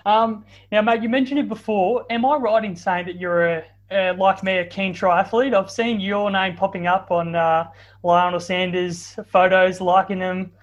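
A man's voice: sits high, steady tone, moderate pace. A man with an Australian accent hosting a casual podcast interview in a matey, colloquial way, recorded in dull lo-fi audio. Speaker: podcast host.

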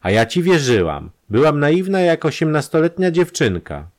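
A man's voice: fairly low pitch, sing-song, moderate pace. A man voicing a proud, wealthy woman in an audiobook, speaking sharply and with irony. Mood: sharp, ironic. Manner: sharp, ironic. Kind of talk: audiobook character reading.

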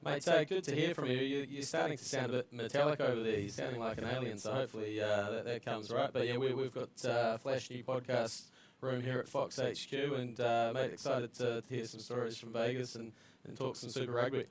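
A man's voice: mid-range voice, fairly even intonation, brisk, few pauses. A man co-hosting a sports podcast from a studio, friendly and conversational. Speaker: podcast co-host. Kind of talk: casual sports chat.

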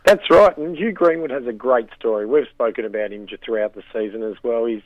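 A man with an Australian accent and a croaky voice, giving analysis as a basketball guest in a radio interview. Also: mid-range voice, brisk, dry recording, narrow, tinny audio. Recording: band-limited radio line.

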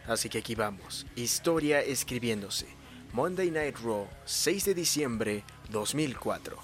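A man narrating a wrestling match as a commentator, in a dramatic, excitable manner. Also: mid-range voice, measured pace, faint music behind. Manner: dramatic, building to excited calls.

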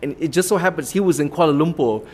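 A man's voice: a little high, quick pace. A man with a Malaysian accent, a comedy club owner telling his story in an interview, earnest and rambling, laughing now and then.

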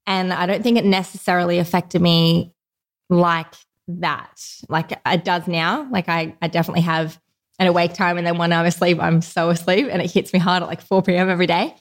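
A woman's voice: fairly low pitch, steady tone, a little fast. A woman from Australia, a podcast guest talking openly and casually about her life, with lots of "like" fillers. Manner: open, chatty, frequent "like" fillers. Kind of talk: casual conversational interview.

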